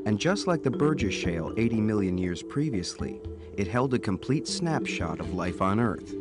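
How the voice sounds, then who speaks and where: A man's voice: fairly low pitch, sing-song, normal speed. A man giving a scripted, dramatic nature documentary narration in the manner of a storyteller. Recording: music under the voice. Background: music.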